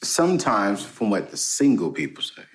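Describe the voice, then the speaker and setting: A man's voice: on the low side, sing-song, moderate pace, reverberant. A man hosting a podcast interview, playful and hyped up, who repeats his guests' words back to them. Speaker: podcast host.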